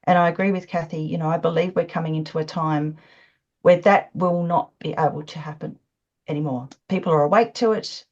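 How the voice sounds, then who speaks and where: An Australian woman, a panel guest on a video call, speaks in a low, steady, slightly mellow voice at a fairly quick pace. Through dull lo-fi call audio, she offers earnest conversational commentary with frequent fillers.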